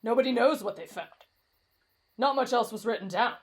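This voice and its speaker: In a fairly high, animated voice at a moderate pace, a woman voices a brash, reckless teenage boy in an anime-style roleplay drama. The lightly acted character comes across as cocky, blunt and dismissive, with a matter-of-fact yet ominous mood.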